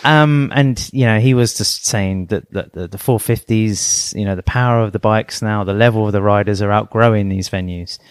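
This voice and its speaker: A man's voice: lowish voice, normal speed, few pauses, clear, resonant tone, no room sound, clean studio sound. A middle-aged man co-hosting a podcast, talking things through in a thoughtful, rambling way with many fillers. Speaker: podcast co-host. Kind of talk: casual chat.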